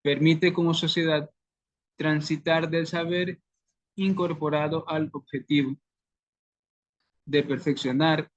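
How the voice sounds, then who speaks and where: A man giving a class presentation, reading out definitions in a slow, measured way. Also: a little high, fairly even intonation.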